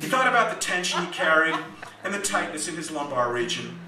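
A man reading his own novel aloud at a live club event, with dry, deadpan asides. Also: fairly high pitch, a little fast, over music. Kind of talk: live comic fiction reading. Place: small music club. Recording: echoey club, mic at a distance.

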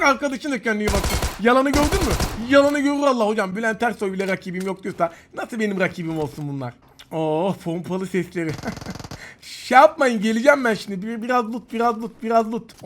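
Excitable, fast-talking man commenting on gameplay. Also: high-pitched, background noise. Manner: excitable, taunting opponents, talking to viewers. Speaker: gaming YouTuber. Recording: game gunfire loud behind voice.

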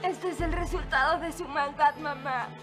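A woman's voice: sits high, steady tone, moderate pace, lightly acted. An actress playing a distraught pregnant young daughter who is crying and pleading insistently with her mother. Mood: tearful desperate. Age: young adult. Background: soap opera background music.

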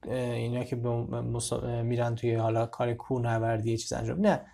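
A man teaching a beginner English lesson, saying each example sentence slowly and clearly and then explaining it conversationally. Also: medium pitch, flat delivery, dark tone.

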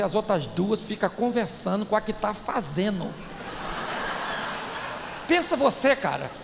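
High raspy-gravelly guy preaching funny, chatting w the crowd, big echoey hall, bit of noise. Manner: animated, jokey, addresses the crowd directly. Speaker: preacher, speaker. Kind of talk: humorous preaching to a live audience. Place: large hall.

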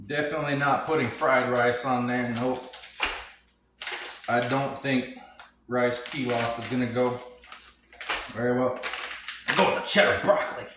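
A man in his forties cooks in a home kitchen and mutters dry, crude jokes under his breath. He is picked up by a camera across the room, so his voice booms with echo. A steady hum of noise sits behind him. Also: measured pace, pauses often. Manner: wry, crude, mumbling to himself while cooking. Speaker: cooking vlog host. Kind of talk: casual joking cooking commentary. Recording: echoey kitchen with background noise.

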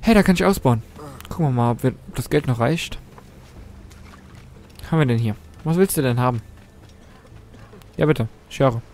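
A young man casually commenting on his gameplay, excitable, taunting and swearing at the game's characters. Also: mid-range voice, moderate pace, pauses often, slight background noise. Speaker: let's play host.

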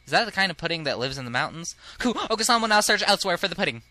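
A man voicing a hyperactive, pudding-obsessed male pigeon with a loud, cooing, deliberately annoying voice. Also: high voice, big pitch swings, no room sound, full character voice. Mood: hyper.

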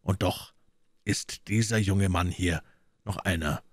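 A man's voice: low voice, steady tone, slow. A man reading as a brooding, bitter musketeer. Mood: grim, bitter. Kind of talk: audiobook character reading.

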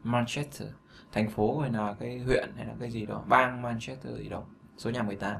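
A chatty man with a Vietnamese accent walks beginners through an English lesson, repeating key words and throwing in asides. His voice sits at an ordinary middle pitch. The recording is roomy and echoey, with a faint hiss behind him. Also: fairly even intonation, fairly quick, creaky, fairly bright tone. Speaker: English teacher. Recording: echoey room with faint noise.

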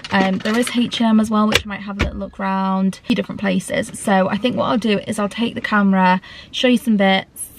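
Her medium-pitched voice comes with a little hiss or hum in the audio. This young lifestyle vlogger talks in a gushing, casual way inside her car, later narrating over footage of her shopping.

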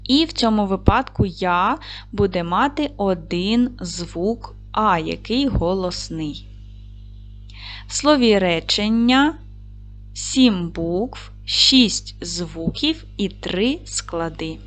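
A woman's voice: medium pitch, animated, slow pace, faint music behind. A woman teaching a recorded lesson to young children. She is patient and encouraging, asks questions, and answers them herself. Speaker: primary school teacher.

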